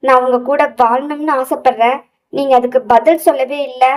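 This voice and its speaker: A hurt young heroine from a romance audiobook who keeps pressing plaintive questions, as the woman narrator plays her. Her voice is high, and the recording sits a bit distant from the mic. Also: fairly even intonation, moderate pace, natural voice.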